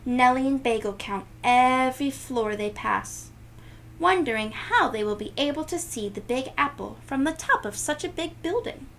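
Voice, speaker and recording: Reading a storybook aloud for children, a woman with a voice that sits high gets animated and emphatic, drawing out words and chatting with her young audience. Gasps and sound effects pepper her reading, and a little hiss or hum runs under the audio.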